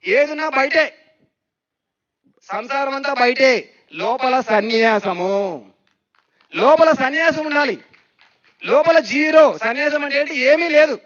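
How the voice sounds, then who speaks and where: Spiritual speaker, man, very high voice, lively, asks the crowd questions, dull lo-fi recording. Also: slow pace, pauses often. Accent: Telugu. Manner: lively, questioning, repeats phrases for emphasis. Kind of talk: meditation discourse. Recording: dull lo-fi sound.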